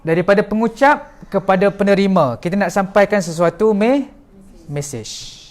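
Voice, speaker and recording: A man with a Malaysian Malay accent teaches a class, setting out each point in turn and putting questions to his listeners. His voice sits high for a man. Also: expressive, normal speed. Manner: explains step by step and asks the audience questions. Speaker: lecturer. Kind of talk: classroom lecture.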